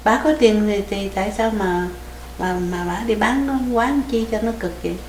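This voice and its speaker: A woman's voice: mid-range voice, moderate pace, a little mellow. A woman interviewer who listens with frequent short assents and asks brief questions. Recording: echoey room with faint background noise.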